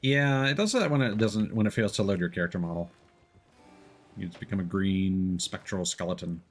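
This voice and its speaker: Soft background music plays as a low-voiced man talks at a normal pace. He is the host of a relaxed gaming livestream, rambling and working through his thoughts aloud while playing.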